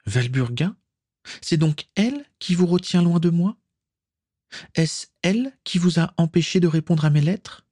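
Man doing a young woman, anxious, pleading, raised voice, husky undertone, dry close sound. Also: on the high side, animated, unhurried, dark tone, dry recording, voice pushed up. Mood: upset.

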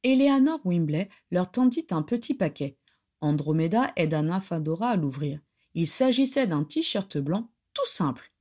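A woman reading a story aloud as an audiobook, in an expressive storytelling style. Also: fairly low pitch, normal speed. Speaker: audiobook narrator.

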